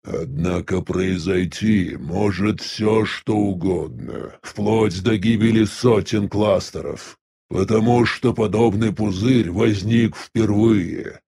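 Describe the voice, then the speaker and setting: A man voicing an elderly sect elder in an audiobook, speaking in a measured, weary, reflective way with a husky voice. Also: fairly low pitch, mellow, exaggerated voice. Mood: weary musing. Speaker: audiobook voice actor. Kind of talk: audiobook dialogue reading.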